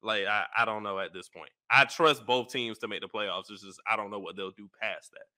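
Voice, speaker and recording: Male co-host, very bright and piercing tone, blunt and opinionated. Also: fairly low pitch, a little fast. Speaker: sports podcast co-host. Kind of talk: casual basketball chat.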